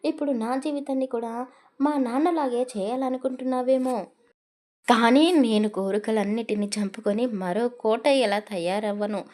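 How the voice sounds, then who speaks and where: A defiant young village husband, as a woman narrator voices him, set a little lower than her own voice. He talks back with sullen resentment in a storybook reading, making his demands in a bitter tone. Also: moderate pace, mellow, lightly acted. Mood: resentful.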